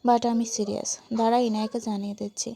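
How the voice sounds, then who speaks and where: A woman voicing a cheeky young man who mocks and teases his friend in a playful, gravelly voice. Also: extremely high pitch, steady tone, normal speed, mellow, slight background noise. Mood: teasing. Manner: mocking, playful, teasing. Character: cheeky, teasing young man, brother-in-law.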